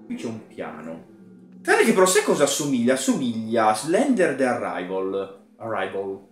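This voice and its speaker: A young man commenting on a horror game as he plays, muttering quietly to himself and yelling when something startles him. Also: fairly low pitch, huge pitch swings, normal speed, echoey room, soft background music. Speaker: gaming YouTuber.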